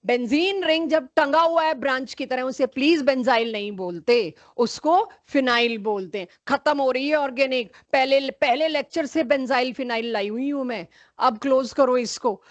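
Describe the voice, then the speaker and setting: A woman with a high voice teaches a chemistry class online, quizzing students by name and correcting them firmly. The sound is close and dry, with no room around it. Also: normal speed, no echo.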